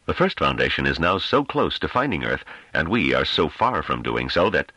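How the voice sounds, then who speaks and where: A man reading an audiobook, voicing a male councillor who argues in a grave, measured and sardonic way. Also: a bass voice, sing-song, pushed and bright, slightly rough, dry recording, full character voice. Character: calm sardonic male councillor defending himself.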